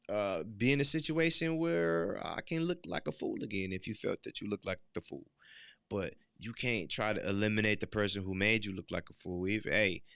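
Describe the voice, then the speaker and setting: Male podcast host, solo monologue: low, smooth voice, close dry sound, earnest and preachy, filler-heavy and repetitive. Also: fairly bright tone, dry recording. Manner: earnest, preachy and loose, with many fillers and restarts; repeats phrases for emphasis.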